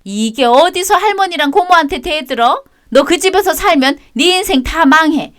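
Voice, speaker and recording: A sneering, domineering middle-aged sister-in-law from a radio drama, voiced by a woman. Her voice sits high and swings widely as she scolds and mocks. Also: lively intonation, normal speed, fairly bright tone. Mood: scolding.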